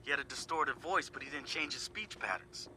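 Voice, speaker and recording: In a game audio log, an actor plays a laid-back young male hacker who sizes up his teammates, speaking casually and candidly with profane, wry asides. His mid-range voice is sharp and a little fast, with clear music behind it and a slight hiss or hum.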